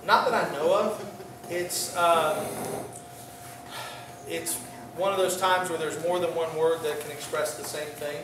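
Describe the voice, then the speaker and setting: A man, a pastor, teaching an informal Greek class, talking in a halting way with many fillers and restarts and joking with his students. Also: a little high, fairly even intonation. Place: church classroom. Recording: roomy, distant classroom recording with faint hiss.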